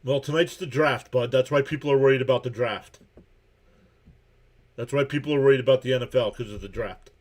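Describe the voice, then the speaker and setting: A man in a relaxed live stream calls pitches and ball-strike counts as they happen. His voice sits in an ordinary middle range and his delivery stays chatty and easygoing. Between pitches he greets viewers by name in an offhand way. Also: brisk. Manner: calls pitches and counts while reading out chat messages. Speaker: live game reaction streamer. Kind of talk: casual live play-by-play commentary.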